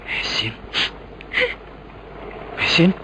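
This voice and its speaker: A man's voice: extremely slow, sharp tone. A man playing an earnest young warrior hero in an Indonesian radio drama, pleading in a theatrical way. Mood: concerned, pleading. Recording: noisy old radio drama recording.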